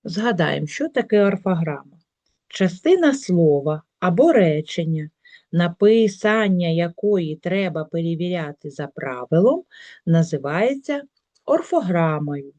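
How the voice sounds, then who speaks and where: A middle-aged woman teacher giving a workbook lesson to schoolchildren, reading out example words slowly and carefully. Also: lowish voice, big pitch swings, warm tone, no echo. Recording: dull, lo-fi recording.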